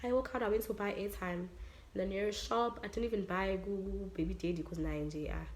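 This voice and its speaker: Young woman, South African accent, storytime vlog, lively acted-out quotes, mixes in Zulu. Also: mid-range voice, a little fast. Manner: animated, acts out quotes, mixes in Zulu phrases. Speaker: vlogger.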